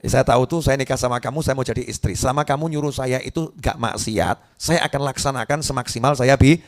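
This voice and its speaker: A preacher voicing a patient young wife who answers her husband softly and gently. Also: a little high, lightly acted. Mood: gentle. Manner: soft, gentle, unhurried.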